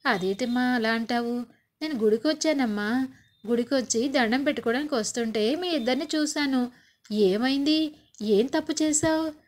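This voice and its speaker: A woman's voice: high-pitched, normal speed, lightly acted. A woman voicing a scheming older mother who taunts and mocks in a scornful tone. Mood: taunting. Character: scheming older mother, mocking and sharp-tongued.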